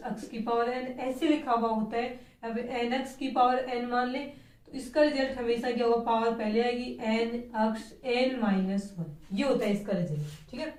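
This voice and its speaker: A woman's voice: on the high side, a little mellow. A woman chemistry teacher giving a classroom lecture, explaining step by step and asking rhetorical questions. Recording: echoey room, voice from a distance.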